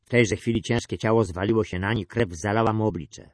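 A man narrating an adventure story in a measured storytelling manner. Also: on the low side, dry recording, studio quality. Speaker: audiobook narrator. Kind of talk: scripted narration.

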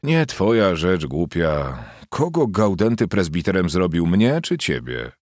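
Audiobook: man doing a deep, sulky, slow-grumbling village priest. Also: very animated, a little mellow, no echo, clean studio sound, exaggerated voice.

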